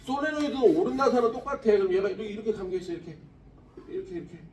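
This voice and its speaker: A man in his forties teaching a high school science class, blunt and teasing, swearing often. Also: racing, darkish tone. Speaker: science tutor. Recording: classroom recorded from a distance, faint room noise.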